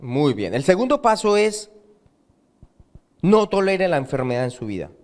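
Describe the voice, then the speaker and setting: Male pastor, high-pitched tenor, emphatic sermon with call-and-response questions. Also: big pitch swings, moderate pace, darkish tone. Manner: quizzes the congregation with fill-in questions; emphatic, repeats key phrases. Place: church sanctuary.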